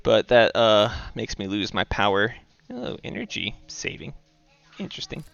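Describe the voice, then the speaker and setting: This streamer, a young man from the US East Coast, casually explains his board game moves and reads chat aloud in a relaxed manner. His lowish voice has vocal fry and moves at normal speed. The audio is dull with no echo, and faint music plays behind him.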